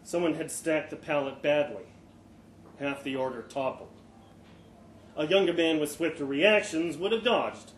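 At a live event, a man with a slightly high voice gives a dramatic first-person reading of a short story. He is expressive, using dramatic pauses and making small stumbles, while the room echoes noticeably over faint background noise.

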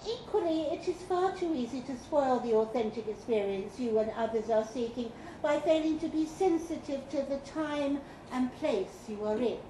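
A woman with a high-sitting voice and lively intonation reads a comic guidebook at a live fiction event, speaking at normal speed with few pauses. She keeps a dry, mock-official tone with playful emphasis. The setting is a pub function room, captured in a roomy, noisy recording with audience laughter and room noise.

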